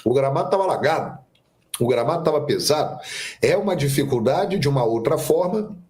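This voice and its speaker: A man's voice: on the high side, brisk. A man giving opinionated football commentary on a sports show, with a nagging cough. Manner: opinionated, animated delivery.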